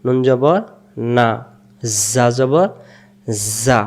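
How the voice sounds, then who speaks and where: A man teaching Quranic Arabic letter pronunciation, repeating syllables slowly and patiently so learners can echo them. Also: mid-range voice, a little mellow.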